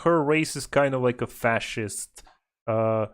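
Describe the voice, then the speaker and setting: A man's voice: mid-range voice, a little slow, clean tone. A man co-hosting a casual podcast, talking in a rambling, hesitant way with many restarts and fillers, laughing often. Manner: laughs often, animated when mimicking quotes. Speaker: podcast co-host. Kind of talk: casual chat.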